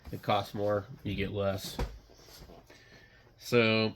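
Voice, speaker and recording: A man who is under the weather, giving casual, unscripted commentary while browsing online, muttering in a halting, blunt way. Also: fairly low pitch, level tone, a bit bright, slight background noise. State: sick, occasional coughing and throat clearing. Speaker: radio hobbyist vlogger.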